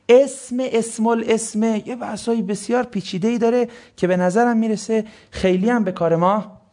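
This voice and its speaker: Male teacher with a high voice, lecturing the class in a Q&A way. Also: a little mellow. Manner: asks the class questions and answers them himself. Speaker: religious studies teacher. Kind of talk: classroom lecture on Quranic words.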